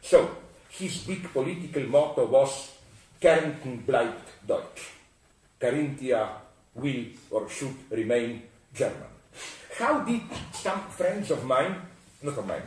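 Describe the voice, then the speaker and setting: A man from Slovenia lecturing on philosophy, breaking off mid-sentence and circling back with asides. His voice sits at an ordinary middle pitch. It reaches the mic from a distance, in an echoey room. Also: a little mellow, a little hiss or hum. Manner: digressive, self-interrupting, with frequent asides.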